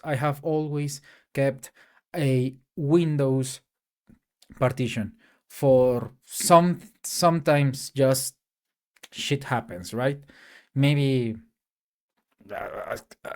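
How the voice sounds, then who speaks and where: A tech YouTuber from Mexico, a native Spanish speaker with a Mexican accent, delivers a casual solo rant to camera. He sounds hesitant, with lots of fillers and restarts. His voice sits on the high side and is a little mellow.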